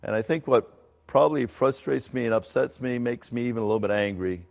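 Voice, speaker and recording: Male pastor, middle-aged, from Ecuador, conversational sermon, mid-pitched voice, long hall echo. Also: vocal fry, a little mellow. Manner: conversational, halting with fillers and restarts.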